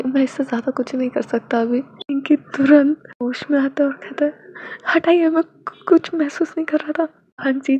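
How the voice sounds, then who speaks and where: Woman telling a romance story, high husky voice, dark gravelly tone, dull lo-fi sound. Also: slight background noise. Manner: reads all characters herself, dropping to whispers for intimate lines. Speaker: fan fiction narrator. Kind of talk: storytelling narration with dialogue.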